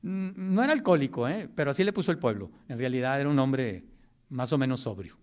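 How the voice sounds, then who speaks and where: A man's voice: mid-range voice, lively intonation, quick pace, darkish tone. A man giving a history lecture in a classroom, talking in a loose, joking way and often checking in with his students.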